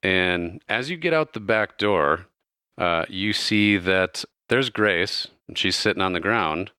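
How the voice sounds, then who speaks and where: Man, deep voice, crisp bright tone, casual tabletop game narration. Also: lively intonation, slow, no echo, clean studio sound. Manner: casual, loose, with many fillers. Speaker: game master.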